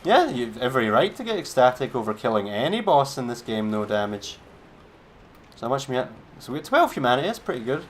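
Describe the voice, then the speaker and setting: A man's voice: mid-range voice, big pitch swings, fairly quick, slight background noise. A man streaming a game, giving laid-back, chatty commentary with a wry edge. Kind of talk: casual gameplay commentary.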